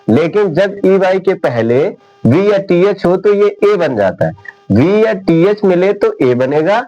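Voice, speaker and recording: A man gives a classroom lecture at a slow, patient pace. His voice sits a little high, and he goes over each point more than once so it sinks in. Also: a little mellow, lo-fi sound. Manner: slow, deliberate, repeating points. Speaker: English teacher.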